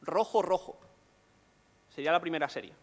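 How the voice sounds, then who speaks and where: A man's voice: a little high, normal speed, long reverb tail. A man giving a conference lecture, explaining step by step and often checking in with rhetorical questions.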